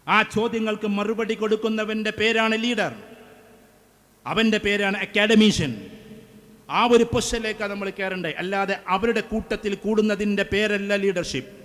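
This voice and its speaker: Emphatic man lecturing students, high voice. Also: steady tone, moderate pace, fairly bright tone. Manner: emphatic, with repeated phrases. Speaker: motivational speaker. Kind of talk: speech to students. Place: school event hall.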